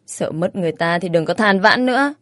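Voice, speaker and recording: A woman's voice: lowish voice, expressive, brisk, no echo, natural voice. A blunt, teasing older-sister type, as a woman reader puts her on, bossy and outspoken in a storybook reading. The sound is dry and close.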